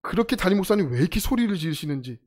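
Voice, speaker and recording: A middle-aged pastor from South Korea preaches very fast in a voice that sits high. His sermon is animated and full of humorous stories, and he acts out the voices of the people in them.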